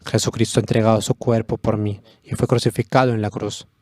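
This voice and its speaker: A man's voice: lowish voice, flat delivery, brisk, darkish tone. Impassioned male preacher, rising emphasis. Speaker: pastor. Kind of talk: sermon.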